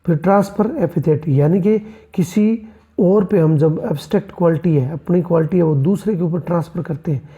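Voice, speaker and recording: Brisk and medium-pitched, heard through narrow, tinny audio, a literature teacher preps students for an exam. Treating the class as friends, the teacher asks rhetorical questions, answers them, and weaves English terms into the explanations.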